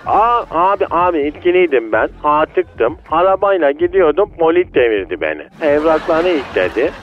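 A man's voice: on the high side, lively intonation, normal speed, lo-fi sound, voice pushed down. A man voicing a drunk, lovesick, streetwise male ram who answers a call over a landline phone. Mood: aggrieved. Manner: streetwise, self-pitying, calls everyone "hocam".

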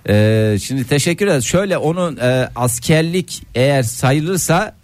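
A man's voice: mid-range voice, expressive, normal speed, no room sound. A man hosting a casual comic radio chat, explaining things and quizzing his co-hosts playfully. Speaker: radio show host.

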